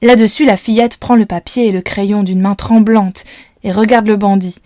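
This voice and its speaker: A woman narrating a children's audiobook in a calm, soft voice. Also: mid-range voice, normal speed, dry recording, clean studio sound. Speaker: audiobook reader.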